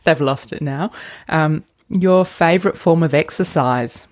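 A woman's voice: low-pitched, a little slow, a little mellow. A middle-aged woman hosting a podcast interview, asking questions and chatting with short friendly acknowledgements. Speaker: podcast host.

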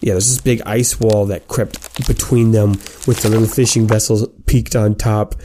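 Mellow low-voiced male game master. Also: little pitch movement, slight background noise. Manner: descriptive, halting as he builds scenes. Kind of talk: improvised tabletop game narration.

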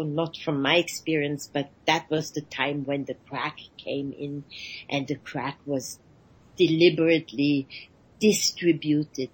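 A woman and actress talking as a radio guest, halting often and searching for her words. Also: low-pitched, breathy edge, poor audio. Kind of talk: radio interview conversation.

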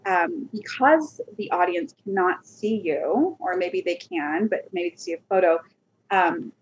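A woman hosts an interview and asks her guest questions in a gentle, hesitant manner. Her voice is breathy and husky, and the recording sounds dull and lo-fi. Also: lowish voice, expressive, measured pace. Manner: gentle, hesitant prompting with filler words. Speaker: podcast host.

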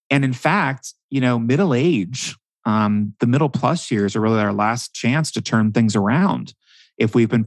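A man speaking as a guest expert in a podcast interview, telling stories in an animated way and dropping frequent ums. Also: mid-range voice, dry recording.

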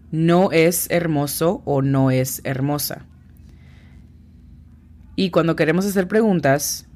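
A woman hosting a podcast lesson as an English teacher, explaining slowly and carefully and spelling words out sound by sound. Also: sits low, darkish tone.

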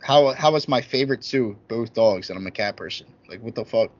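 A man's voice: fairly low pitch, brisk. Male podcast guest, thirties, frat-bro slang, casual gaming chat, lo-fi sound. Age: 30s. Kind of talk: casual chat about video games. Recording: dull, lo-fi audio.

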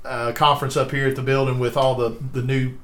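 A man's voice: mid-range voice, level tone, brisk, a bit bright, echoey room. A man hosting a podcast in casual, joking chat, with a playful, teasing way of talking. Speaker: podcast host.

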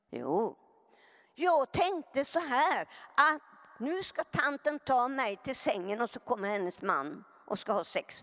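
A woman's voice: a little high, a bit bright. A woman giving an earnest personal testimony to a live audience, often turning to them with direct questions. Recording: long hall reverb.

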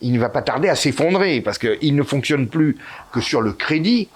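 A man from Italy, guest in a political interview, talks at a normal speed in an expressive, slightly rough mid-range voice. His speech is halting, peppered with fillers and restarts, and key words land with emphatic rises.

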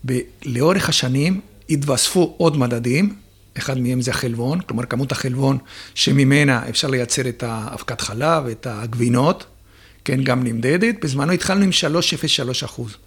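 A man speaking as a dairy farming expert in an interview, explaining step by step with frequent filler pauses. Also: mid-range voice, husky.

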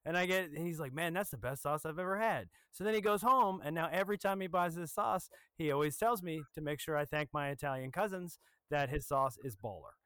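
A man's voice: fairly high pitch, fairly quick, few pauses, sharp tone, smooth, dry recording, studio quality. A man co-hosting a podcast in casual banter, joking and acting out quoted exchanges in his stories.

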